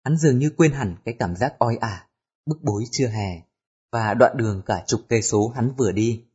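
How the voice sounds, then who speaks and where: A man narrating an audiobook in a steady storytelling voice. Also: mid-range voice, normal speed, breathy edge. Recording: dull lo-fi recording with music.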